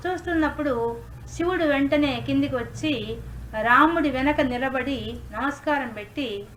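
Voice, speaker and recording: A woman's voice: high voice, moderate pace, a bit bright, slight background noise, rough recording. A woman spiritual teacher explaining scripture in an online class, mixing in English words.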